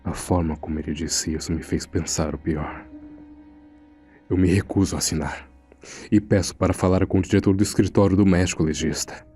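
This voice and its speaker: In this scripted first-person horror narration, a man voices a nervous morgue assistant revealing a frightening secret, grave and suspenseful throughout. His low, warm voice holds a fairly even intonation at a moderate pace, lightly acted, with soft music underneath.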